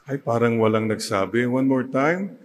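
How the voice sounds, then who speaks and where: A man's voice: medium pitch, expressive, moderate pace. A Filipino man, a priest, preaching a sermon that mixes Tagalog and English and leads the congregation in call-and-response. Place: church. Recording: long church reverb.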